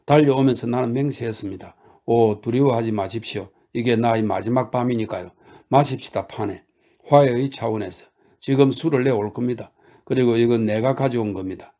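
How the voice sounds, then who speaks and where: A man's voice: mid-range voice, a little fast, dark tone, lightly acted. A man doing an overwrought, declaiming young man. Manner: exclamatory, declaiming, breathless. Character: reckless, overwrought young man making wild speeches. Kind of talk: audiobook character reading.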